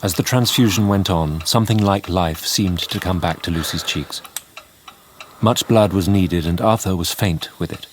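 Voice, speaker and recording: An actor playing a sombre Victorian doctor who narrates a radio drama in a measured, confiding way. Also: male voice, low-pitched, noisy background, natural voice.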